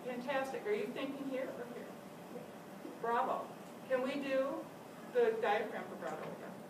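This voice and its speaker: A woman's voice: fairly high pitch, moderate pace. An older woman teaching a flute master class, giving encouraging instructions and frequent praise. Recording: echoey room, distant mic, loud noise.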